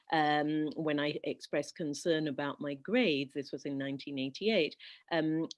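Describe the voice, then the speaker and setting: A woman in her fifties, raised in Sudan, speaking on a video call panel as a conflict resolution specialist, measured and halting with many fillers. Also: low voice, no echo. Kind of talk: online panel presentation.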